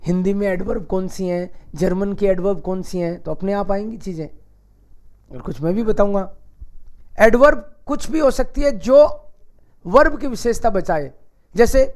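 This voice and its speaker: A man with a fairly high voice teaches a German grammar lesson. He talks in a loose, conversational way, teasing the learners and peppering them with rhetorical questions. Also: darkish tone. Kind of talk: casual classroom-style lesson.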